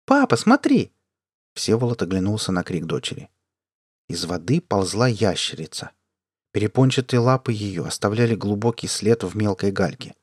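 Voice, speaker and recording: A man reading a science fiction story aloud as an audiobook narrator, in an even, measured way. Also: fairly low pitch, slightly rough, no room sound, clean studio sound. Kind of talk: scripted narration.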